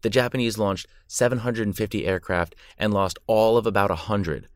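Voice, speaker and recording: A man's voice: on the low side, steady tone, moderate pace, no echo. A man narrating war history from a script, dramatic with an irreverent edge. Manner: dramatic yet irreverent storytelling.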